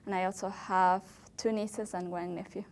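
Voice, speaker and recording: In an oral history interview, a young woman from Ecuador who is a native Spanish speaker answers questions in English slowly and hesitantly, using many fillers. Her voice is medium in pitch and level in tone.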